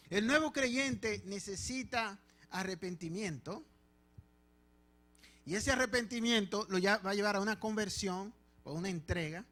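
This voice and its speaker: A man's voice: high voice, bright, forceful tone. A man with a Dominican Spanish accent, a pastor preaching a sermon in church with emphatic, repeated phrases. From Dominican Republic.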